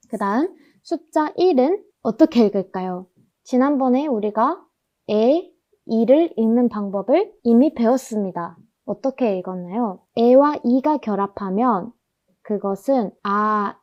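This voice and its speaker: A woman teaching German pronunciation, explaining patiently and drilling each word slowly through repetition. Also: a little high, a little mellow, highs cut off. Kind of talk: explanatory language lesson.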